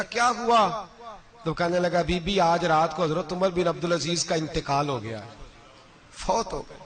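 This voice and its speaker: Man, preacher, high voice, sermon storytelling, impassioned. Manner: impassioned, voice climbing sharply in emotional passages.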